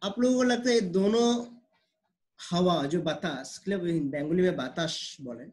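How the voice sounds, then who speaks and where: A man teaching English pronunciation, explaining slowly and repeating words, mixing with English phrases. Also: sits high. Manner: slow, repetitive explaining, mixing Hindi and English.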